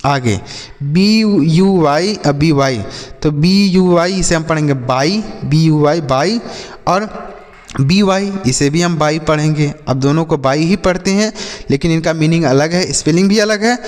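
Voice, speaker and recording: Male teacher, slightly high voice, spells letter by letter, quiz-and-answer manner, reverberant sound. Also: unhurried. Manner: spells words letter by letter, then asks and answers his own questions. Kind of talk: English homophone lesson for children. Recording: long reverb.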